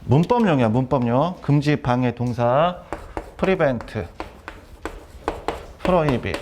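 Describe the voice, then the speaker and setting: A middle-aged man lecturing on vocabulary and grammar, repeating key terms and quizzing students with quick questions. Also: mid-range voice, lively intonation, background noise. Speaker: academy director teaching vocabulary.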